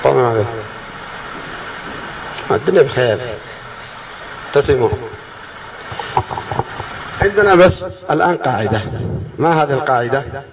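A man teaching a class, quizzing his students with questions, drawing key words out slowly and putting on a student's puzzled voice. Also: mid-range voice, animated, highs cut off, a little hiss or hum. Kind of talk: classroom lesson.

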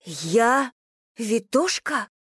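A reader voicing a meek, flustered young woman who squeaks her lines. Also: measured pace, no echo, clean studio sound, lightly acted. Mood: timid. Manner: squeaky, breathless.

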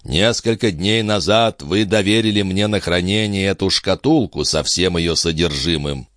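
A man voicing a cool, scheming count in an audiobook, smooth, measured and sly. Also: sits low, a bit bright, dry recording, clean studio sound. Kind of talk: audiobook character voice.

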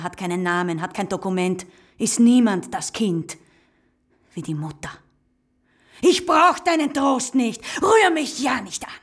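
Bitter young mother Anna, radio drama, curt, scornful, husky. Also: deep voice, darkish tone, heavily acted. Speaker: actor in a radio play.

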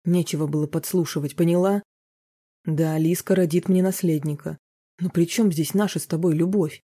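A reader voicing a jealous, domineering husband in an audiobook, scornful and shouting. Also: mid-range voice, steady tone, moderate pace, husky, natural voice. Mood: angry. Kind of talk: audiobook character reading.

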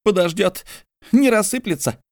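A man voicing an exasperated, worn-out male writer who grumbles and complains in gruff outbursts, in an audiobook. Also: high-pitched, animated, normal speed, no room sound, studio quality, pitched above the performer's own voice. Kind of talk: audiobook character voice.

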